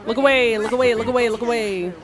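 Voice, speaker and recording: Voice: mid-range voice, fairly even intonation, a crowd in the background. Streamer barking repeated raid commands. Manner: repetitive rapid commands. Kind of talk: live gameplay call-outs.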